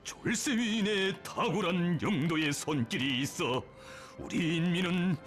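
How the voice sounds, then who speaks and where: A man's voice: high-pitched, a little slow, a bit bright, faint music behind. A man with a North Korean accent narrating a scripted propaganda documentary in a solemn, reverent, emotive declamatory manner.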